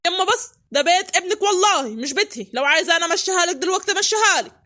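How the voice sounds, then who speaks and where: A voice actor playing a harried young village husband, pleading for calm in a cartoon. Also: extremely high pitch, racing, background noise. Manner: pleading, exasperated peacemaker.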